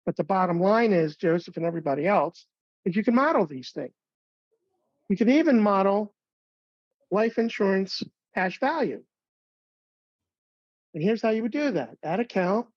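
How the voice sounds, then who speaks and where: Man giving a relaxed software webinar. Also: high-pitched, moderate pace, long pauses, no echo. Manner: relaxed, conversational, with fillers and small jokes. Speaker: financial software trainer. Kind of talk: webinar walkthrough of planning software. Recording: dull, dry webinar audio.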